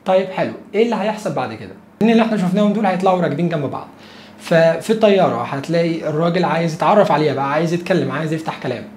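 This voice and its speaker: A man with an Egyptian Arabic accent hosting a beginners' English lesson, chatty and explanatory, slowing right down to model English phrases. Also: a little high, expressive, a little mellow. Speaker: English teacher and host. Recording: echoey room with faint noise.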